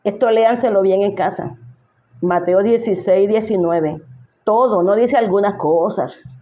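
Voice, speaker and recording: A woman's voice: medium pitch, measured pace, dark tone, dull audio. A woman pastor preaching a sermon emphatically, speaking directly to her listeners and asking them rhetorical questions.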